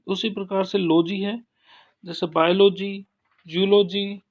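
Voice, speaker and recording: A man teaching an English grammar lesson, explaining slowly with frequent pauses and restarts. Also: sits high, little pitch movement. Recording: dull lo-fi sound.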